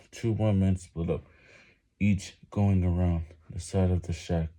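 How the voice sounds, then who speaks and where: A man's voice: sits low, fairly even intonation, takes it slowly, warm tone. A man reading a novel aloud while doing push-ups, exerting himself, with sighs between phrases and words often broken off and repeated.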